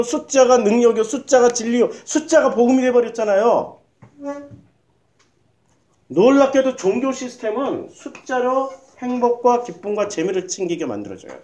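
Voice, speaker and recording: A man's voice: very high-pitched, a little mellow. A male pastor giving a sermon in a church, hammering home points with repeated rhetorical questions to the congregation.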